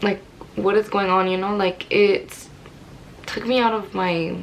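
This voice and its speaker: A woman's voice: mid-range voice, fairly even intonation, unhurried, slight background noise, rough recording. Candid young woman telling a story. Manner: candid, rambling, many "like" fillers. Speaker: vlogger. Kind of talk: personal storytelling to camera.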